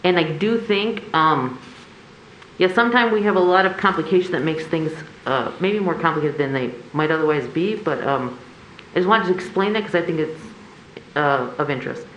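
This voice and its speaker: A woman's voice: low voice, animated, fairly quick, highs cut off. A woman speaking through a face mask, giving earnest, explanatory remarks as a commission member at a public meeting. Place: indoor public meeting room. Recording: echoey meeting room with background noise.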